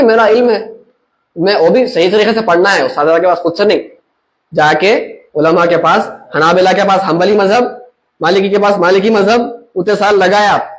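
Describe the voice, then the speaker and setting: A man leads a relaxed religious class, his voice sitting high for a man. He talks things through with homely examples and keeps asking whether his listeners follow. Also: poor audio. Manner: explains with everyday examples, checks understanding with listeners. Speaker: religious teacher. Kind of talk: conversational Islamic lesson.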